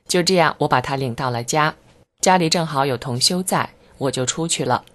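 A reader delivers a scripted first-person narration in a mid-range voice that is even, measured, and earnest, with fervent emphasis.

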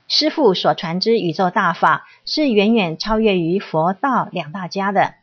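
A woman reading a reflective essay aloud in a measured, even manner. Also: medium pitch, slightly rough. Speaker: reader of a spiritual reflection. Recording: dull lo-fi recording.

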